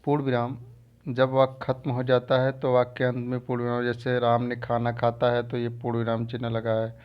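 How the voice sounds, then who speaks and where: Male teacher for a screen-recorded grammar lesson, flat delivery, repeats each term, dull lo-fi sound. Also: medium pitch, clean tone. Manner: explains slowly, repeats terms. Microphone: phone or screen recorder mic.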